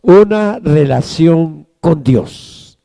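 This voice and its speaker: A man pastor with a high-pitched voice delivers an emphatic sermon, often calling on the congregation to respond. His tone is mellow, and he takes his time with each phrase. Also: lively intonation, very slow, vocal fry.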